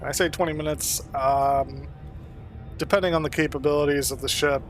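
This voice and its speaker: Still getting over a cold, a man streams a space game with casual live commentary, faint music behind him. His voice is a little high and fairly quick, and he's relaxed and rambling, laughing often and saying lots of ums.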